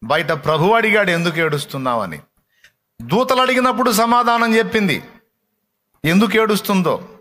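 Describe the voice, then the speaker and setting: A man preaching a sermon in a colloquial storytelling style, swinging between vivid, raised retelling and soft, hushed passages. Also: sits high, lively intonation, normal speed.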